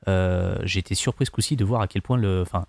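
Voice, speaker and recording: A man's voice: deep voice, fast, gravelly, a little mellow, dry recording. A man discussing films casually as a panelist, often searching for his words. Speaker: podcast panelist.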